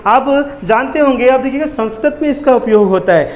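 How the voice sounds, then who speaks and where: A man's voice: very high voice, brisk. A man teaching a lesson with a Rajasthani Hindi accent, who repeats key phrases and asks questions that he answers himself. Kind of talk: classroom lecture.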